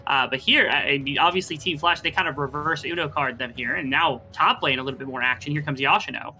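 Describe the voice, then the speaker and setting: A fast-talking esports caster with a bright, forceful voice and middling pitch. The delivery is live game commentary, conversational and analytical, running through long explanations. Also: faint music behind.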